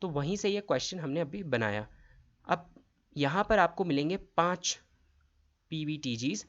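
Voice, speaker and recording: A man's voice: fairly high pitch, lively intonation, measured pace, a bit bright, muffled recording. Man teaching exam quiz questions. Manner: reads each question and its options aloud, then explains the answer. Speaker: quiz tutor. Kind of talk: exam-prep quiz lesson.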